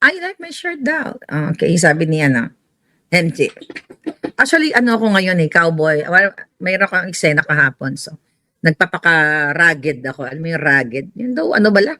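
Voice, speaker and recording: A woman's voice: deep voice, expressive, normal speed, pushed and bright, no echo. A woman with a Filipino accent giving heated, mocking political commentary, mixing in English asides.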